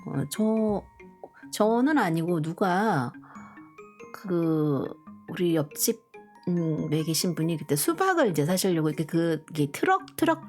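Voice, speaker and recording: A middle-aged woman hosts a live stream and tells a story in a relaxed, chatty way. Her voice sits a little low, and she stops often, starts over and fills gaps with small sounds. Soft music plays faintly in the background. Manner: halting, with many fillers and restarts. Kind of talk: casual storytelling chat.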